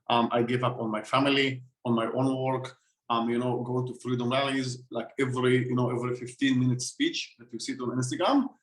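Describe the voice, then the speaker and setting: An Israeli-born man who grew up speaking talks in a podcast interview. His pitch stays narrow and level while he presses his points, doubling back over words as he finds them. The sound carries a noticeable room echo. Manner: emphatic, repeats words while searching for them. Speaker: guest. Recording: roomy echo.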